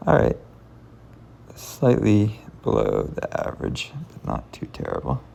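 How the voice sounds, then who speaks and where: Puzzle host, male, unhurried casual commentary, deep gravel in the voice, mutters asides while he works. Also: huge pitch swings, dark tone, slight background noise. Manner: thinks aloud, mutters and half-whispers while working things out.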